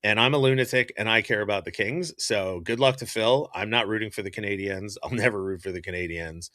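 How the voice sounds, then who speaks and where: A man hosting a hockey talk stream, reading chat questions and giving opinionated, animated takes with lots of fillers and restarts. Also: fairly low pitch, brisk, dry recording, clean studio sound. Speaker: hockey podcast host. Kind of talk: casual live-stream commentary answering chat.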